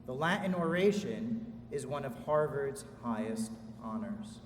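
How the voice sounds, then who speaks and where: A man's voice of middling pitch rings through a very echoey hall, heard a little way from the microphone. He gives a formal commencement address, solemn and measured, setting out each phrase deliberately. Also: lively intonation. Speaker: ceremony speaker introducing an orator. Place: large indoor hall at a school commencement. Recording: echoey hall, distant mic, faint noise.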